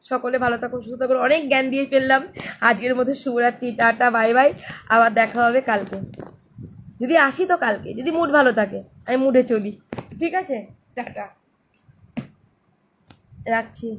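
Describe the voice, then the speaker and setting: A hoarse woman hosting a live stream, talking casually to her followers in a loud, earnest, pleading way. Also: a little high, normal speed, long pauses, a little hiss or hum. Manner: loud, speaks as if shouting. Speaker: host of a social-issues live stream.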